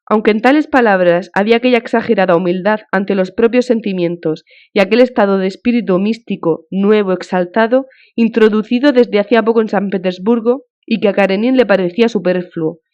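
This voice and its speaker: A woman narrating an audiobook of a classic novel in a measured, even storytelling manner. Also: mid-range voice. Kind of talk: scripted narration. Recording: dull lo-fi audiobook recording.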